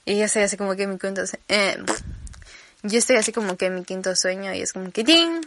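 A woman's voice: mid-range voice, fast talker, a bit bright. A young woman from Campeche with a Mexican accent, hosting a casual solo podcast, chatty and rambling with playful asides. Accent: Mexican Spanish, Campeche. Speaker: podcast host.

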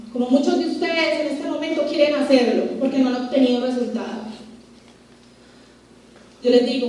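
A woman speaking at a business meeting, giving an emphatic motivational speech to the audience and asking rhetorical questions. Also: high voice. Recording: roomy echoing hall, voice from far off.

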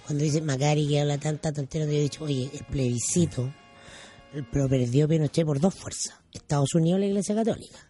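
Mellow-voiced, emphatic radio man. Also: fairly high pitch, brisk, soft background music. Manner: emphatic, explains his point insistently. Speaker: radio co-host. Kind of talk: casual radio banter and opinion. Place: radio studio.

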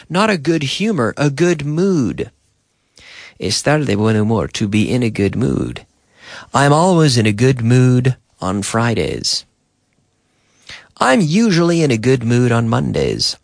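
Male radio English teacher, slow and animated, gravelly, dry studio sound. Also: dry recording. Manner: drawn-out, animated teacher voice that jumps in pitch. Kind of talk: slow, repetitive language lesson.

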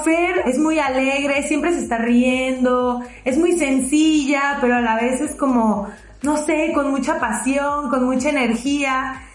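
Sentimental woman, high voice, echoey room. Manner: sentimental and warm-hearted, sighs "ay". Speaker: podcast co-host. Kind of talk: casual chat.

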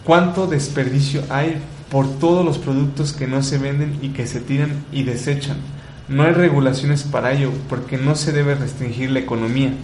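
A man's voice: medium pitch, steady tone, normal speed, darkish tone, a little hiss or hum. Earnest man, roomy sound. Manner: earnest, rhetorical questions, repeats words for emphasis. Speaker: radio host. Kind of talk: reflective commentary on environmental issues.

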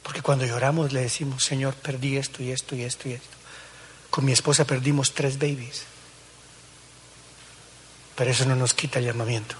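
A middle-aged male pastor, preaching a dramatic sermon that swings from hushed tones to shouts. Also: mid-range voice, level tone, fairly quick, long pauses, slight background noise. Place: large church hall. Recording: echoey church hall.

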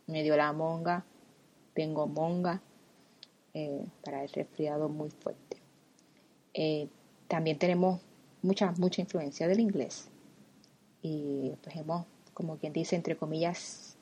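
A woman's voice: low voice, a little mellow. A woman from Puerto Rico with a Puerto Rican accent, explaining everyday words with examples in a casual, friendly talk. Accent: Puerto Rican Spanish. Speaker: language blogger guest.

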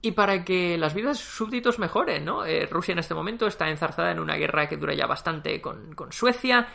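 A man reviews a TV series in a loose, chatty way and leans into sarcasm. His voice sits fairly high with a gravelly texture and a bright, forceful tone. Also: a little fast. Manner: lively, sarcastic, chatty with fillers. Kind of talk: casual spoken review.

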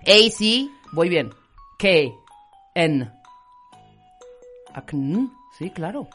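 A woman co-hosts a casual radio show from the studio. She is giggly and playful, and her pitch leaps around a lot. Faint music sits in the background. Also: big pitch swings, very slow, a bit bright, breathy edge. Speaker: radio co-host. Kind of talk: casual on-air banter.

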